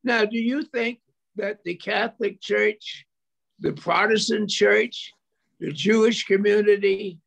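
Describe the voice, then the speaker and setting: A man's voice: high voice, steady tone, slow, gravelly, a bit bright. An older man giving an impassioned speech at an event, full of repetition and rhetorical questions, heard over a video call. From United States. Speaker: speaker at a memorial event.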